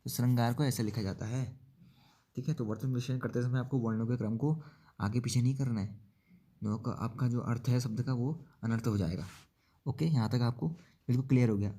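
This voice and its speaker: A man teaching an exam-prep spelling lesson, explaining slowly, repeating words and asking checking questions. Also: mid-range voice, dark tone. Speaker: Hindi teacher.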